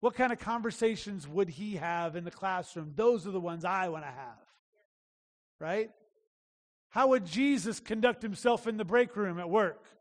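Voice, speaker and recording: A man's voice: sits high, long reverb tail. A man preaching a sermon in a conversational, emphatic way, repeating key phrases. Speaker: pastor.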